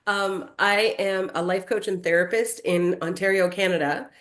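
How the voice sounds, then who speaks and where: A woman's voice: medium pitch, steady tone, normal speed. A woman who is a life coach and therapist, chatting casually on a podcast from a freshly moved-into room with bare walls that makes her voice echo.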